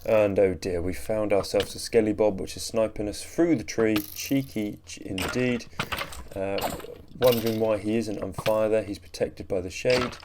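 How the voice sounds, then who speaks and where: Talking through his gameplay at a moderate pace, this young channel host has a voice on the low side, with background noise audible. He rambles sleepily, mocks himself and yawns between comments in a relaxed voice-over.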